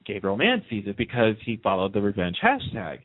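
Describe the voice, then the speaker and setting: A radio host appearing as an interview guest chats enthusiastically, spinning anecdotes and acting out the lines he quotes. His lowish voice swoops wildly in pitch at a slightly fast pace, heard through band-limited, lo-fi phone-in radio audio.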